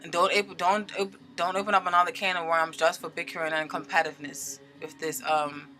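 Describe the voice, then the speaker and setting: A woman giving a casual tarot reading, chatty and animated, often checking in with her listeners. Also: lowish voice, fairly quick. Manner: chatty, animated, with filler words and frequent "okay?" check-ins. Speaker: tarot reader.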